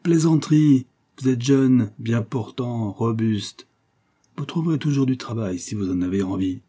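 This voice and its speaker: A man's voice: lowish voice, normal speed, mellow, breathy edge. A man voicing an indignant lawyer who scolds a beggar sharply. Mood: scolding. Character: indignant male lawyer, stern, moralizing.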